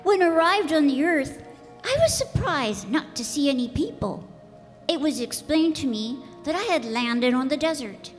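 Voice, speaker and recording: A woman's voice: high-pitched, expressive, normal speed. A woman playing an earnest, curious little boy prince from another planet in a radio play, persistently asking questions. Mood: earnest, frank. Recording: echoey hall, music behind.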